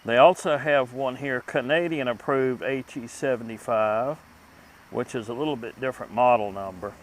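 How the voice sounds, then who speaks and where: The host of a vintage electronics channel, a man with a mid-range voice, informally talks through what he demonstrates in a review, his delivery deliberate, unpolished and halting. The recording is low quality with slight background noise.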